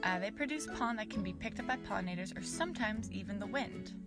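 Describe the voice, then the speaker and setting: A young adult woman presenting casual educational science outdoors in a bright, curious, enthusiastic and chatty manner. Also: medium pitch, animated, fast, over loud music. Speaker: science show host. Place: outdoors in a backyard.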